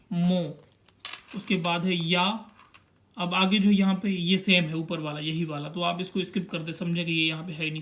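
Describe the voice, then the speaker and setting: A young man with a notably high-pitched voice teaches a language lesson. He is patient and steady as he points at a chart and sounds out each syllable slowly, one after another.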